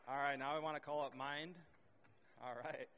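A man's voice: on the high side, level tone, moderate pace, a bit bright. A middle-aged man hosting a casual panel talk, laid-back with many fillers. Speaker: host.

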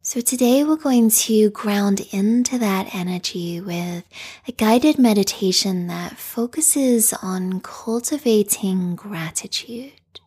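A woman leading a guided meditation in a calm, soothing, meditative tone, with a soft, breathy, whispery voice. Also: medium pitch, slow.

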